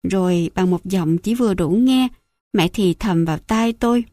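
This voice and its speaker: A woman narrating a memoir audiobook in calm, even storytelling into a close studio mic. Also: lowish voice, moderate pace, no echo. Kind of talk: scripted narration.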